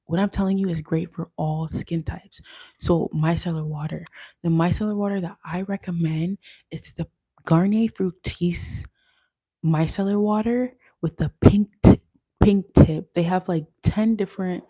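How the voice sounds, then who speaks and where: A woman's voice: fairly low pitch, dark tone, breathy edge, no room sound. A young woman teaching makeup on a casual livestream, chatty and often checking in with "okay?".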